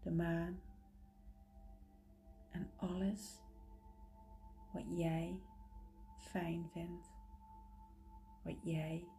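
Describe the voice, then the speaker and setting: A woman leading a guided relaxation meditation in a soft, breathy, partly whispery voice, close and intimate as if right in your ear, soothing with gentle pauses. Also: fairly low pitch, flat delivery, soft background music.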